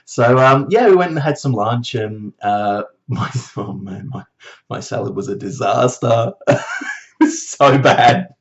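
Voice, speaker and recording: A man telling a story in a casual vlog, animated and swearing, mocking others in high voices. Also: measured pace, highs cut off. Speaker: vlogger.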